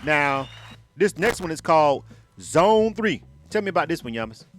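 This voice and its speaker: A man hosting a radio interview in a relaxed, slangy, laughing way. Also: on the high side, moderate pace, slight background noise. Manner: laid-back, slangy, laughs a lot. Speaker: radio show host.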